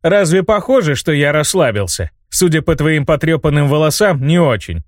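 A defiant young baron shouts back at his old mentor in a raised, heated voice, voiced by a male audiobook reader. His retorts are cutting and sarcastic, caught close and dry with no room sound. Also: a little high, lively intonation, moderate pace, no echo, natural voice. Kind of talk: audiobook character voice.

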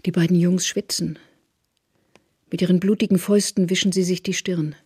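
Brief: husky radio drama narrator, measured and hushed, dry close sound. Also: medium pitch, little pitch movement, no echo. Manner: measured, often hushed to a whisper.

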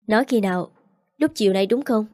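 A woman reading the part of a caring young stepmother, gentle with a child and firm with adults. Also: mid-range voice, fairly quick, dry recording, studio quality, lightly acted.

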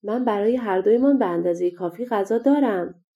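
A woman voicing a cautious, weary male traveler in a fairy tale, speaking in slow, measured pleas. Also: medium pitch, lo-fi sound, natural voice. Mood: earnest.

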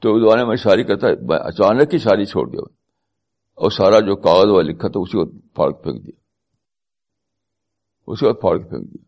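Man, spiritual talk, lowish voice, repeats phrases for emphasis, English terms mixed in. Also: expressive, pauses often, darkish tone. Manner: mixes English terms into his speech. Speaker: religious speaker.

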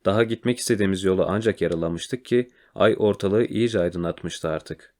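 A man reads a children's adventure story aloud in a quiet, measured way. His voice is very low and deep, and the telling stays calm and steady. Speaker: narrator. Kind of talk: storybook reading.

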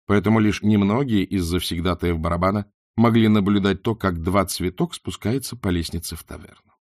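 A man narrating an audiobook with expressive storytelling. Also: sits low, fairly quick, dry recording, studio quality. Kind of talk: scripted narration.

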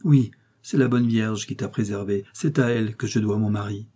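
A devout peasant wife begs her husband gently, her voice soft and imploring. A man reads her in a storybook reading, keeping a husky, mellow tone. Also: on the low side, normal speed. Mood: anxious. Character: pious, gentle peasant wife, anxious and pleading.

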